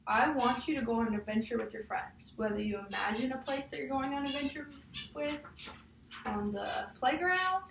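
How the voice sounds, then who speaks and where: A high-pitched female teacher with vocal fry speaks at a moderate pace while going through a picture book with a child. She leads the reading and often checks for agreement, ending remarks with "huh?" The audio is roomy and distant-miked, with faint noise.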